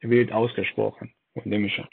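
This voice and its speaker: A man teaching German pronunciation slide by slide, explaining slowly and spelling out vowels one by one with hesitant fillers. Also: on the low side, little pitch movement, creaky, husky, no room sound. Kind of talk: slide-based language lesson. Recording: dry, phone-like lo-fi voice-over.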